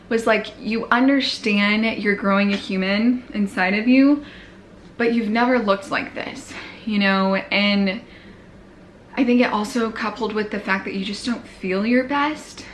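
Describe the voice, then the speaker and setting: Recapping her pregnancy on a vlog, a young woman speaks casually and slightly out of breath, sprinkling in fillers and plenty of "like." Her voice is medium-pitched and a bit bright, and there's slight background noise.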